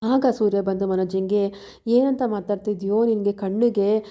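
Brief: woman narrator recapping a drama plot, Kannada accent, very dark mellow tone. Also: medium pitch, fairly even intonation, normal speed. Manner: plain storytelling, reads characters' lines without acting them. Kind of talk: retelling a TV serial episode, voicing quoted lines.

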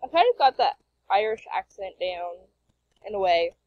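A woman's voice: medium pitch, big pitch swings, measured pace. A young woman reading a fan comic aloud, with nervous, apologetic asides, on a muffled lo-fi home recording. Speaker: comic reader.

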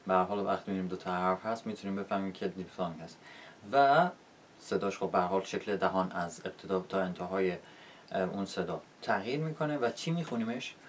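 Patient man teaching, low voice, distant mic. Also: a little hiss or hum. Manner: patient, encouraging, checks in with "okay?". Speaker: English pronunciation teacher. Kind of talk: video lesson.

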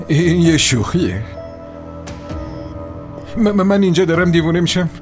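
A male dub actor voicing a hot-headed drama-series man with a high, swinging voice, barking orders in short bursts. He sounds on edge the whole time, with soft music running underneath. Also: animated, lightly acted. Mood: angry. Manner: agitated, snapping commands. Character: hot-tempered adult man obsessed with a woman. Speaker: transport company manager.

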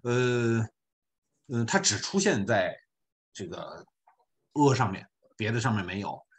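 A man teaching an online beginner class, explaining slowly and patiently with many filler particles. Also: on the low side, sing-song. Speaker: volunteer French teacher.

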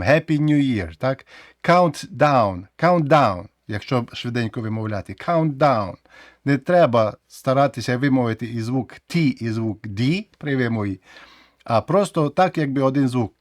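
A man's voice: mid-range voice, no echo. Ukrainian man teaching English, dry close sound. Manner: explains slowly, repeats words for drill. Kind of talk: casual video lesson.

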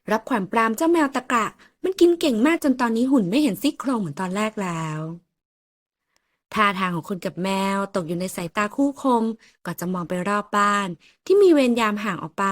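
A woman narrating a romance audiobook at a middling pitch, telling the story in an even manner. Her voice is slightly husky, and the sound is dry and close. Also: no room sound.

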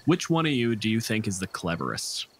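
In a brisk, sing-song delivery and a lowish voice, a man serves as game master for a tabletop role-playing game, keeping the narration conversational and the asides dryly funny. Behind the clear audio is a night forest ambience alive with crickets and insects.

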